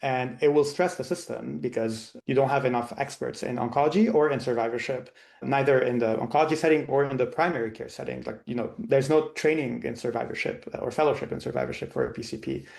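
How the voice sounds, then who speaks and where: A man's voice: mid-range voice, steady tone, fast, vocal fry, darkish tone. A man in his thirties, born and raised in Lebanon, answering interview questions as a physician guest in a thoughtful way with many restarts. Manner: thoughtful, frequent restarts and repeated words.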